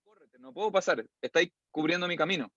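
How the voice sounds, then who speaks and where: A hulking, blunt young warrior pushes his way through and barks short demands. A man plays him. His voice sits a bit higher than the narrator's own, and the dry, slightly muffled recording keeps it close. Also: fast, sharp tone, no echo. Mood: brusque. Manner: blunt, pushy commands. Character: giant brutish but sweet young warrior man. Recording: slightly dull lo-fi sound.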